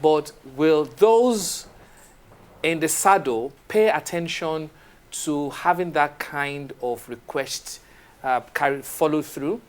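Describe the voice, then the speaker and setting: Animated Nigerian male TV host. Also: fairly high pitch. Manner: animated, questioning, with halting restarts. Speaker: TV morning show host. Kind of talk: studio discussion. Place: TV studio.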